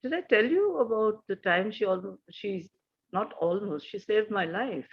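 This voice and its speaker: Older Indian woman telling a story haltingly. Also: mid-range voice, expressive, slightly rough, muffled recording. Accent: Indian English. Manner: halting, anecdotal, frequent pauses and restarts. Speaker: guest. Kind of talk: casual storytelling conversation.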